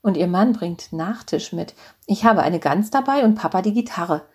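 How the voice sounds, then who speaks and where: A woman reading the lines of a cheerful, bossy middle-aged mother who scolds her grown daughter, in a slightly husky voice. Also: mid-range voice, animated, normal speed, darkish tone.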